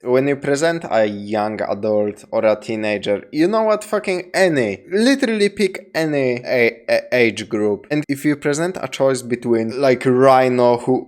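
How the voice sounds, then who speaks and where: A young man gives casual reaction commentary. His voice sits at an average pitch. He talks off the cuff, halting as he searches for words and swearing freely. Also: a little mellow. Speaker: reaction streamer.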